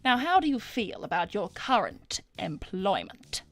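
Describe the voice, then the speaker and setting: A woman voicing a flirtatious, smooth-talking female cartoon hedgehog with gushing, theatrical, formal phrasing. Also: mid-range voice, big pitch swings, measured pace, faint music behind. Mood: flattering, coy. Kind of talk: improvised in-character livestream role-play.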